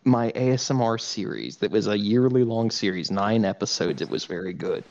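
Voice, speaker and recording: A man in improvised comedy banter, talking in an earnest, deadpan, slightly hesitant way. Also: on the low side, moderate pace, dull audio.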